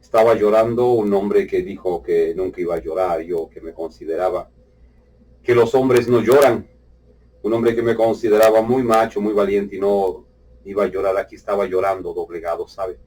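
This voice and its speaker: A husky man preaching a testimony sermon, his voice rising in fervent bursts and dropping to hushed tones. The mic sits some distance away, so he sounds a little removed. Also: on the low side, steady tone, normal speed. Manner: fervent, swinging between loud outbursts and hushed tones.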